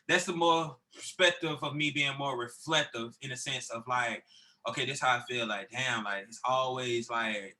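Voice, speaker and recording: Bright-voiced man rambling casually. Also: medium pitch, normal speed, rough recording. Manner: loose, rambling, many fillers and restarts. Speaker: recording artist guest. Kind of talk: casual podcast interview.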